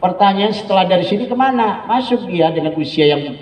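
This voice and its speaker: A man's voice: high voice, animated, brisk, darkish tone. A man giving a joking lecture to Quran teachers, often checking in with his listeners. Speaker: Islamic teacher trainer. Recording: echoey room, distant dull mic.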